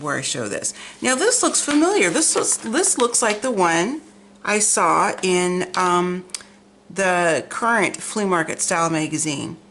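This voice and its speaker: A middle-aged American woman rambles casually through a craft vlog at home, gushing over pictures. Her low-pitched voice has slightly imprecise, tongue-forward articulation, and the recording carries a little hiss or hum.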